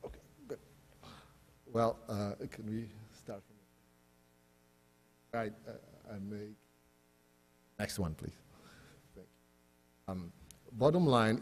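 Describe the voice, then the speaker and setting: The speaker, an academic from Ghana with a Ghanaian accent, delivers a plain-spoken, explanatory panel presentation and poses rhetorical questions. His pitch is fairly low and a little mellow. The recording comes from an echoey hall with long reverb.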